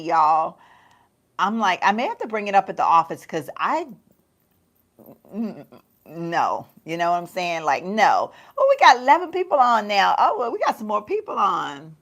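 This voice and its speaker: A woman's voice: mid-range voice, very animated, normal speed, fairly bright tone. A middle-aged woman chatting casually on a get-ready-with-me livestream, calling her viewers y'all and laughing often as she talks through her makeup. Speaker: beauty vlogger. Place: home.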